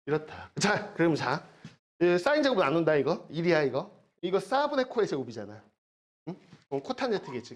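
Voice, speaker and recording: An animated math teacher whose pitch swings widely while walking through formulas in a recorded lecture. The delivery is chatty and repetitive, with frequent checks like a quick "got it?" and playful side stories. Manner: chatty, repeats key words, jokey asides; asks learners to check understanding.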